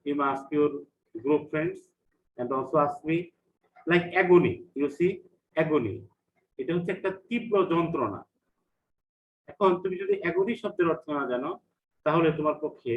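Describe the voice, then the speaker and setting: A male English lecturer with a Bangladeshi accent teaches vocabulary online, saying each word twice with its meaning. His slightly high voice moves at a slow, careful pace. The lo-fi recording sounds dull and echoes in a bare room.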